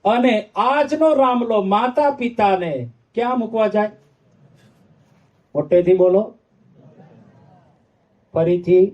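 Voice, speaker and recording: A monk delivers a devotional sermon in a high, slightly mellow voice, speaking slowly and pausing often. He sings verses and puts emphatic questions to his audience.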